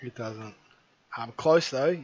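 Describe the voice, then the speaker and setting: Slightly hoarse male esports caster. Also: mid-range voice, slow pace, a little mellow, dull audio. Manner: chatty, apologetic asides. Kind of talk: live game commentary.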